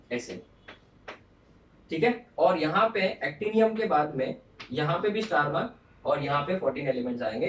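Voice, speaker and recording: A man lectures on chemistry in a slightly raised voice, recorded from a distance in an echoey room. He slows down to repeat memory tricks and calls on students to repeat them after him. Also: a little high. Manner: repeats mnemonics slowly, drilling students. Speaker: chemistry teacher. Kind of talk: Hindi classroom lecture with mnemonics.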